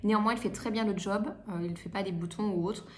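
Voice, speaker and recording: A woman's voice: mid-range voice, fairly even intonation, fast, a little hiss or hum. A woman, reviewing her used-up beauty products in a casual vlog, chatty and full of hesitations. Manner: chatty, hesitant with many fillers. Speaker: beauty vlogger.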